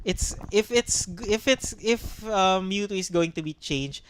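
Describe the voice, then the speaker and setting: A man's voice: high-pitched, unhurried, fairly bright tone, smooth, no room sound. A man co-hosting a casual gaming podcast, thinking aloud with frequent restarts and ums. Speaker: podcast co-host. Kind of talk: casual chat.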